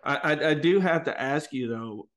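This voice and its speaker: A man's voice: on the high side, normal speed, a bit bright. A man hosting a casual interview, chatty and self-deprecating, often stumbling as he starts a question. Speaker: podcast host interviewer.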